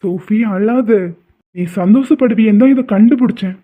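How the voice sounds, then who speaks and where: A performer voicing a caring, affectionate young husband in a cartoon, speaking gently and soothingly. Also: mid-range voice, moderate pace, close to an everyday voice. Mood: gentle. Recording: tinny phone-like audio.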